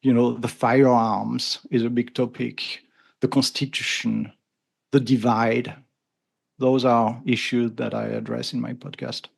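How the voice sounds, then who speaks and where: A French man in his fifties with a thick French accent talks earnestly and thoughtfully as a podcast guest in casual conversation, restarting frequently. His voice is medium-pitched, creaky, and slightly rough, with little pitch movement and an unhurried pace.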